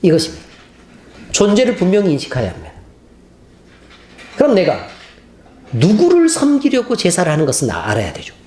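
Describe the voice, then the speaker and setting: Pastor, male, animated storytelling sermon. Expressive pitch, roomy church acoustics. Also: brisk, long pauses. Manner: animated storytelling, acting out scenes. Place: church sanctuary. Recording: roomy church hall, faint noise.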